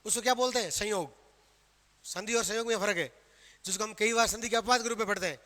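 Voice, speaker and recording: A man's voice: sits high, fast talker, bright, forceful tone. A man with a Rajasthani Hindi accent teaching a grammar class, quizzing students with questions he answers himself. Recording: long reverb of a hall.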